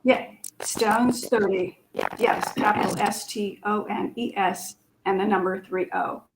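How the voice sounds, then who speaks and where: A woman director as a guest on a video call, gracious and warm. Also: mid-range voice, fairly even intonation, measured pace, very noisy. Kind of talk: casual interview.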